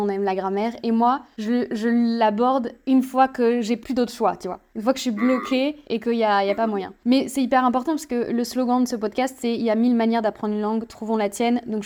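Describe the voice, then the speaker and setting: A woman hosts a podcast, asking questions in a fairly high, mellow voice. She talks eagerly in long, flowing sentences. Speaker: podcast host. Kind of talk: interview questions.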